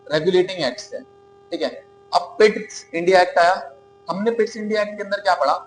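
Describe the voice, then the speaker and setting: A man's voice: high-pitched, slight background noise, poor audio. A man with an Indian accent giving a classroom lecture, asking his students questions and answering them himself, often checking in with "okay?". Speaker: teacher.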